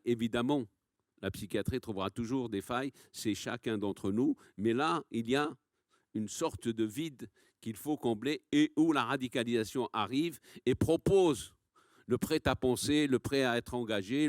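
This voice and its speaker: Male conference panelist, didactic impromptu answers built on repetition. Medium pitch, dry recording. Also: no echo. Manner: didactic, repeats phrases, rhetorical questions.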